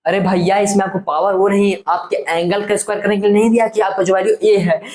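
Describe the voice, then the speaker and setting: A young man explains school trigonometry in a loose, talkative tutor's style. He keeps firing questions at himself and answering them. He stretches key terms out slowly, word by word, so they sink in. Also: high-pitched, little pitch movement, a little mellow. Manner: chatty, asks and answers his own rhetorical questions; slows right down to drill a term word by word. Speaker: maths tutor. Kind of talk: casual classroom-style maths explanation.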